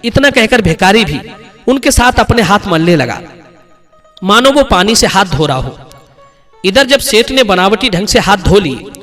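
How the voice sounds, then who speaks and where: Brief: male storyteller, high and animated, talks to listeners as friends, soft music under. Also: a little slow. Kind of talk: moral story narration.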